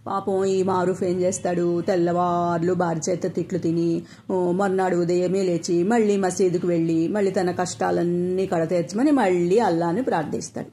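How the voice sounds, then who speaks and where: Mellow-voiced woman telling a folk tale. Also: lowish voice, steady tone, moderate pace, slight background noise. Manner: acts out each character's lines in quotes with little change of voice. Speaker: storyteller. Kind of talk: storytelling narration.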